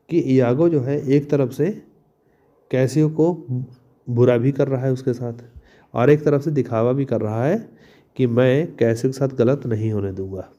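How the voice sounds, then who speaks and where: A male teacher explaining a play line by line, reading each English line slowly and then explaining it in Hindi. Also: medium pitch, warm tone, dull audio.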